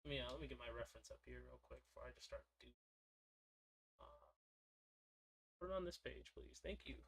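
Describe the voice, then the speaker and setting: A man's voice: medium pitch, a little fast, creaky, a bit bright, slightly rough. A young man streaming while he draws, chatting casually and drifting into side stories. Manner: rambling, digressive storytelling. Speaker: streamer drawing a character.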